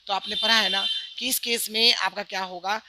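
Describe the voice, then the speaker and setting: Bright-voiced man teaching physics. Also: high-pitched, steady tone, moderate pace, dry recording. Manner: keeps asking "right?" and speaks to the students directly. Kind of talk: explaining a diagram on an online lesson.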